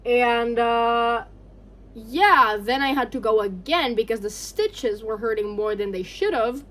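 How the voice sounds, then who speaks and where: Young female vlogger, fairly high voice, unfiltered rambling chat with plenty of swearing. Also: unhurried, fairly bright tone. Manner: candid, sweary, rambling with frequent "like". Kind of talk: casual chatty storytime while getting ready.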